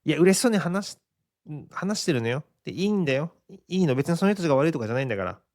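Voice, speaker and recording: A man's voice: on the high side, sing-song, rapid-fire, a little mellow, no echo, clean studio sound. A Japanese man in his forties hosting a casual solo podcast, rambling and chuckling often at his own expense. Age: 40s. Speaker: podcast host.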